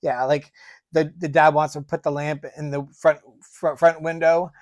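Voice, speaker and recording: Forties male podcast co-host, relaxed chat, easy laughter, dry close mic. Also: on the high side, normal speed, no room sound. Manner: chatty, laughs often, many "like" fillers. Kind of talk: casual chat.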